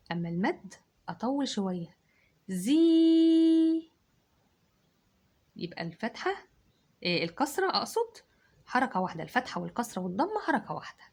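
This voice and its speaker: A teacher with an Egyptian Arabic accent leads a children's dictation lesson, drawing out each syllable as she dictates. Her voice is medium in pitch with a breathy edge.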